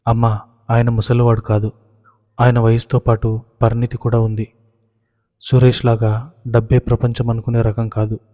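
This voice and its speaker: A man voicing a calm, determined young woman speaking quietly and steadily to her parents. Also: medium pitch, moderate pace, pauses often, big-room sound, lightly acted. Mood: firm.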